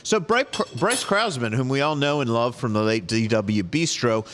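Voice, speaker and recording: A man's voice: medium pitch, animated, moderate pace, a bit bright, big-room sound, a little hiss or hum. A man hosting a podcast, talking casually between bites and introducing the next segment. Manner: casual, talking while eating. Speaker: podcast host.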